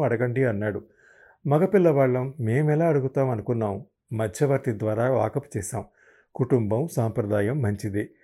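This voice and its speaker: A man voicing an affectionate, protective older mother-in-law in an audiobook reading, coaxing and quick to worry. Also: medium pitch, warm tone, close to an everyday voice. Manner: coaxing, worried, quickly indignant.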